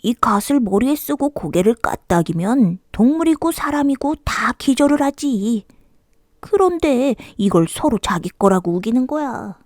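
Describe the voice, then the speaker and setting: A woman's voice: a little high, expressive, unhurried, no room sound, clean studio sound, voice pushed up. Woman as a stubborn squabbling storybook monkey, for toddlers. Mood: insistent, bickering. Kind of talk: children's storybook character voice.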